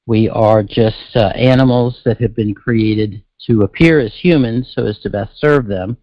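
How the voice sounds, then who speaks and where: A man hosting a solo political talk broadcast, speaking haltingly with thick, slurred speech from a swollen tongue and addressing listeners in folksy asides. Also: lowish voice, no room sound, muffled recording. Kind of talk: solo talk-show monologue.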